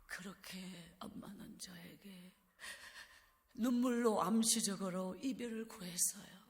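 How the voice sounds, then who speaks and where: A woman evangelist preaching a revival sermon in a church, telling a personal story with deep emotion and dropping to a hush. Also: takes it slowly. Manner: emotional storytelling, dropping to hushed, breathy tones. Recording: reverberant church hall.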